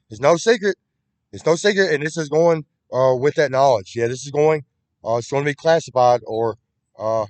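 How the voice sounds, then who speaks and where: A man with a medium-pitched voice delivers a rambling, repetitive monologue, often restarting his sentences. It was captured on a computer webcam with no room sound.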